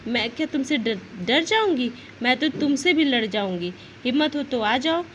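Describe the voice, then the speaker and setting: A small, cheeky female fly who mocks and taunts with boastful pride, put on by a woman teacher. She speaks in a high voice, close to the reader's own, in a storybook reading for children. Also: lively intonation, moderate pace, slight background noise. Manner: mocking, taunting.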